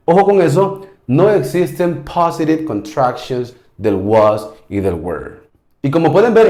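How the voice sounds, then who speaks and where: A man's voice: medium pitch, a little mellow. Patient male teacher in an echoey room. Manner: patient, repeats points, checks in with "ok?". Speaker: English teacher. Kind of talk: explaining grammar in a video lesson.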